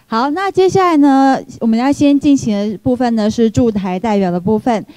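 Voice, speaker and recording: Taiwanese lady emcee, formal announcing, soft mellow voice a bit on the high side, pretty dry sound. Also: moderate pace, dry recording. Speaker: event host. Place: indoor seminar hall.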